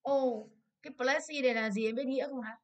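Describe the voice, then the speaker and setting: Her voice sits high as this woman, an English teacher with a Vietnamese accent, leads a brisk exam review. She asks many questions to check that students follow.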